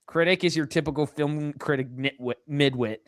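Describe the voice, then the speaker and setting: A man's voice: on the high side, measured pace, no room sound, studio quality. A man hosting a casual podcast chat, rambling and chatty with plenty of fillers. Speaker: podcast host.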